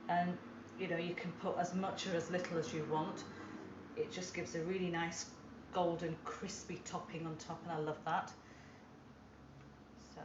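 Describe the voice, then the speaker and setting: A woman's voice: on the low side, noisy background. A woman hosting a cooking channel, chatting casually and encouragingly as she demonstrates a recipe in her home kitchen. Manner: chatty and encouraging, addresses viewers as guys. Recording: roomy, off-mic, slightly dull sound.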